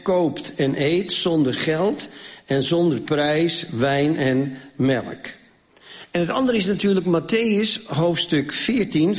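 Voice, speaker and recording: Man preaching with a raised voice. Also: a little high. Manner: storytelling, rhetorical questions, swings between raised and hushed. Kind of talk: sermon with Bible reading.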